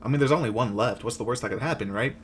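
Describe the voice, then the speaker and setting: A man's voice: mid-range voice, rapid-fire, a little hiss or hum. A man delivering a scripted comedic rant as host, with sarcastic, crude, slangy jokes. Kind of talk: comedic rant recap of a video game, scripted narration.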